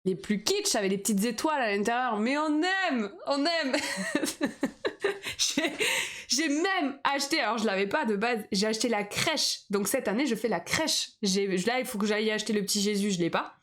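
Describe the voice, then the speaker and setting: A bubbly young woman chats casually on a live stream, rambling from topic to topic and laughing often. Her voice sits a little high for a woman. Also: lively intonation, a little fast, hardly any pauses, fairly bright tone.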